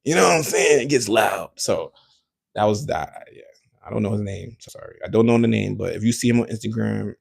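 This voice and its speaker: A man hosting a podcast, talking casually in a rambling, animated way with slangy asides and quoted voices. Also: on the low side, fairly quick, creaky, slightly rough. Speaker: podcast host. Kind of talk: casual solo podcast chat.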